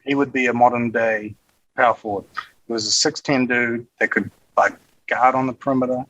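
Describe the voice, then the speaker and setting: Man, broad New Zealand accent, husky, dry recording, casual sweary chat, matey. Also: mid-range voice, fairly even intonation, a little fast, fairly bright tone, no echo, lo-fi sound. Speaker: podcast guest.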